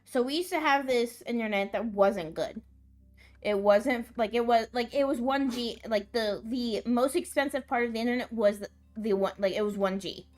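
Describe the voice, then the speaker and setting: Fairly high-voiced woman streamer, chatty and rambling, faint music underneath. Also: normal speed, darkish tone. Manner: rambling, chatty storytelling with fillers. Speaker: streamer playing a game. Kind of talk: casual gaming stream chat.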